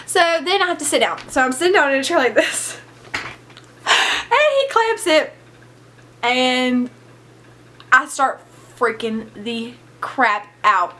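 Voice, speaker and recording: Young girl vlogging a storytime, chatty and candid, bright high voice. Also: slow, long pauses, slight background noise. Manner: chatty and candid, swears casually, animated retellings. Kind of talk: casual storytime vlog.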